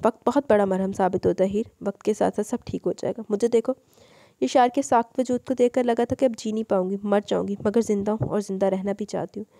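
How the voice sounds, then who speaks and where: Woman doing a kind older sister-in-law giving soft advice, gravelly, dry sound. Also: medium pitch, steady tone, fast, dry recording, lightly acted. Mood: consoling. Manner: soothing, advising. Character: kind elder sister-in-law, consoling and gentle.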